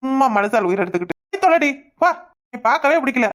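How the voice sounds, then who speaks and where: A woman's voice: a little high, fast, a bit bright, natural voice. A woman voicing an irritable, dismissive husband in a cartoon, talking brusquely and ordering others about. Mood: irritated, dismissive. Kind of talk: cartoon voice acting.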